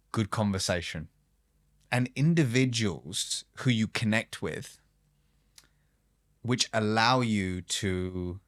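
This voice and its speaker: A man talking as a podcast guest in a studio, earnest and emphatic, slowing down as he reflects. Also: lowish voice. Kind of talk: reflective interview conversation.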